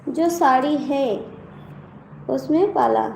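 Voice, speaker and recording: In an echoey room with faint background noise, a woman with an Awadhi accent hosts a casual live stream, chatting with viewers, teasing them and reading their comments aloud. She is a live-stream host and folk singer, and her high, mellow voice takes things slowly.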